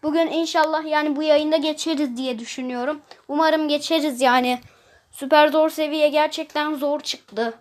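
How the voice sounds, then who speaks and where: Playing a mobile puzzle game, a female streamer offers casual commentary, complaining when levels get tough and humming along. She speaks at normal speed in a high voice with fairly even intonation.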